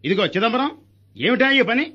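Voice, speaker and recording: An actor playing a blunt, bossy hospital hand in a stage comedy, throwing accusations back. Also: male voice, very high voice, very animated, normal speed, pushed and bright, husky, highs cut off, heavily acted. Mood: accusing.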